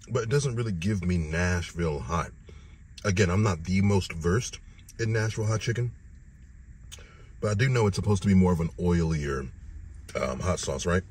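A man in his thirties with a lisp and slushy s sounds gives a casual, joking, sweary food review. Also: low voice. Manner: animated, joking, profane. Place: inside a car, driving and parked. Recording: car interior with road noise. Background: vehicle noise.

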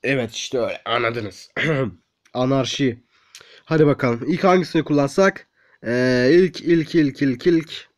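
A young man hosting his gaming channel, giving excitable let's-play commentary, swearing, pleading and shouting at the game. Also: medium pitch, measured pace, low-quality recording.

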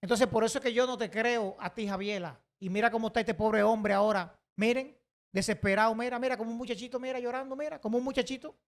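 A man's voice: very high-pitched, fairly even intonation, fast. Indignant Dominican man ranting. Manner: indignant, emphatic, repeats himself. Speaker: online commentator. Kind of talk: heated opinion commentary.

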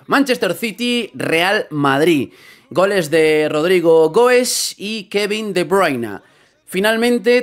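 Excitable man reacting to football. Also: high voice. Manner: excitable, swearing, repeats phrases. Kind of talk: live reaction commentary.

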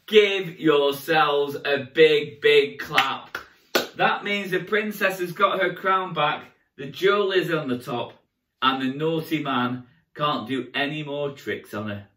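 A man's voice: fairly high pitch, a little slow, sharp tone. A middle-aged man performing as a kids' party magician, telling stories to children in an exaggerated, playful way, recorded in an echoey room. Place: indoor room with curtain backdrop. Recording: echoey room, distant microphone.

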